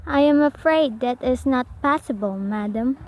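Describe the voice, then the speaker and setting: An actress plays a telephone operator in a radio drama, her voice high. She is courteous and procedural, formal and patient in an unbending way. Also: normal speed, darkish tone, natural voice, low-quality recording. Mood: polite, procedural. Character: polite, formal, unhelpful female telephone operator. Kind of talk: amateur radio play acting.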